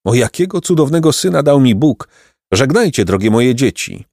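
A man voicing a gentle, devout old mother in a storybook reading. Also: medium pitch, very animated, moderate pace, dry recording, studio quality, voice pushed up. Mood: tender. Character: old pious grateful mother.

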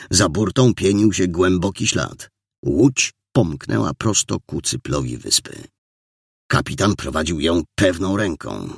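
Gravelly, husky male audiobook narrator. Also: sits low, no echo, clean studio sound. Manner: expressive, animated reading.

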